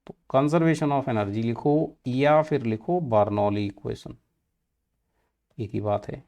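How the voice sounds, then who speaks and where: A man's voice: medium pitch, warm tone. A man with an Indian accent teaching engineering, mixing Hindi and English and asking questions he then answers himself. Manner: mixes Hindi and English, asks and answers his own questions; slow and deliberate, stretching out key terms. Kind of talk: classroom lecture.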